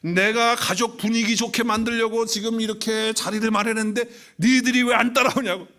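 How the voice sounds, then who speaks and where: A man acting out a drunk, bossy middle-aged father who shouts at his family to get up. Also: very high voice, fairly even intonation, a little fast, pitched above the performer's own voice. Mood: irritated. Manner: shouting, demanding.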